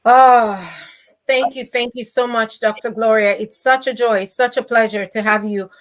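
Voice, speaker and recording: A woman's voice: a little high, steady tone, moderate pace. A woman with a Nigerian accent hosting a podcast interview, making appeals to listeners with frequent ums. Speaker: podcast host.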